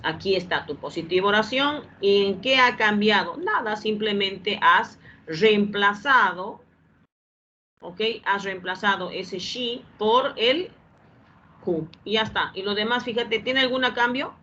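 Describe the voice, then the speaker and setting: A woman's voice: medium pitch, measured pace, sharp tone. A woman teaching an English grammar lesson, patiently repeating each step and asking whether the class has understood. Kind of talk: classroom explanation. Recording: dull lo-fi sound with faint background hum.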